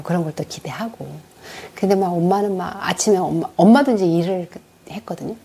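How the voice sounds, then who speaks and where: A middle-aged woman telling her own story in an earnest, candid way, calmly retelling talks with her mother. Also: lowish voice, breathy edge. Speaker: vlogger. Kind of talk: reflective personal talk.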